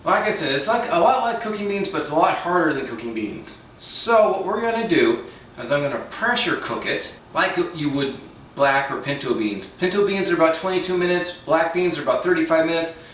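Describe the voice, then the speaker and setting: A man's voice: fairly high pitch, sing-song, fairly quick, a bit bright. A man hosting his own cooking channel from his home kitchen, talking casually with dry, self-deprecating jokes and chatty asides. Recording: very echoey room, mic at a distance, faint noise.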